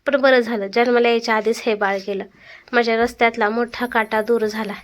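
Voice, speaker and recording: A woman's voice: on the high side, fairly even intonation, fairly quick, lightly acted. A woman voicing a young husband, blunt and self-justifying, in a read-aloud family story. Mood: defiant. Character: young husband, defensive then cornered.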